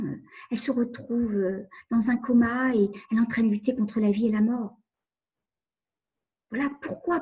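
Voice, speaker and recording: A woman's voice: fairly high pitch, warm tone, slightly rough. A woman coach giving a webinar talk on emotions, earnest and repeating phrases as she acts out inner questions. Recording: online webinar.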